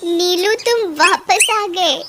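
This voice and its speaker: A woman's voice: very high-pitched, slow, very noisy, voice pushed up. A woman voicing a doting, emotional farmer's wife in a cartoon, fussing and wailing over her dog. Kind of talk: Hindi cartoon voice acting.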